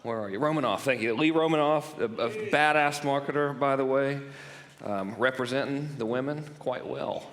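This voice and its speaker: A man's voice: medium pitch, moderate pace, fairly bright tone. Joking man presenting in a reverberant hall. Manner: loose, jokey and profane, laughing at his own gags. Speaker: marketing workshop presenter. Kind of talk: joking seminar talk. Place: event room stage.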